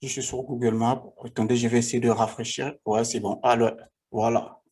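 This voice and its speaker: A man in his forties from the Republic of the Congo, speaking. He tells his own life story in a vlog, halting often and repeating himself. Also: medium pitch, level tone, darkish tone. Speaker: vlogger.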